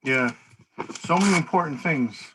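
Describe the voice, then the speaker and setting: A man's voice: fairly high pitch, expressive, normal speed, noisy background. A man chairing a town council public hearing over a video call, talking in an easygoing, procedural way with the odd light laugh.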